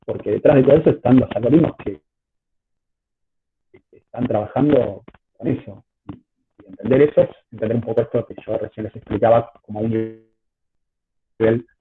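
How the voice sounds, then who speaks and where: A man's voice: mid-range voice, fairly even intonation, normal speed, pauses often. A man with an Argentine accent giving an informal online lecture as a teacher, hesitant and repeating words as he explains, heard through choppy call audio. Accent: Argentine Spanish. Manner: hesitant, repetitive phrasing while explaining. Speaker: university statistics lecturer. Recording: choppy phone-like call audio, faint noise, clicks.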